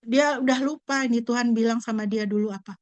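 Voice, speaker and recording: A woman pastor preaching a sermon, animated and full of rhetorical questions. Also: a little high, fast, no echo. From Indonesia.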